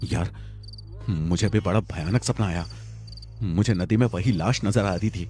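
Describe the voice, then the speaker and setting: A man's voice: low voice, a little slow, dark tone, soft background music. A man voicing a frightened young man who pleads with his friend in a panicky voice. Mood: scared.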